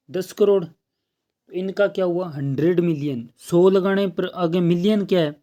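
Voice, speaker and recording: A man's voice: high-pitched, warm tone. A man teaching an exam-prep math lesson, explaining step by step and checking in often.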